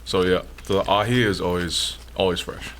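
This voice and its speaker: A man, a podcast guest calmly recommending dishes in a casual chat. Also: deep voice, slight background noise. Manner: relaxed, unhurried explaining.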